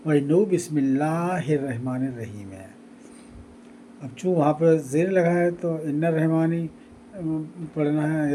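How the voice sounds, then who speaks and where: A male religious teacher who chants verses slowly and melodically, then breaks off to explain them and correct his own pronunciation. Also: on the high side, warm tone, a little hiss or hum, rough recording. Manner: slow melodic chanting broken by quick explanatory asides. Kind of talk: chanted recitation with spoken explanation.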